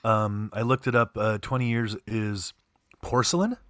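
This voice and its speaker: A man's voice: lowish voice, fairly even intonation, unhurried, no echo, clean studio sound. A man co-hosting a casual radio show, rambling and hesitant, with lots of fillers and restarts. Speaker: radio co-host.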